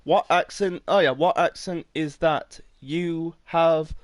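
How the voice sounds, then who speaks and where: A man from England giving casual, rambling commentary while playing a game, talking fast and swearing when things go wrong. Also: fairly high pitch, no room sound. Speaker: gamer commentator. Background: faint game music.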